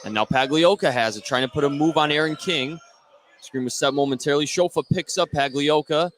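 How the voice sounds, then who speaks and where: Another man with an American accent does live basketball play-by-play in a fairly high, slightly bright voice, moving a little fast. Behind him, a game plays out in a gym, its noise and bouncing basketballs clearly audible.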